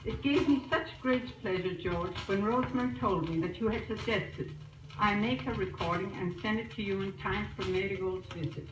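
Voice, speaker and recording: A woman tells her news to family in a chatty, storytelling spoken letter. It sounds like an old disc recording, with steady hiss and crackle. She sits back from the microphone in a roomy, echoing space. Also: mid-range voice, normal speed, distant mic. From Australia. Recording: noisy echoey old disc recorded from afar.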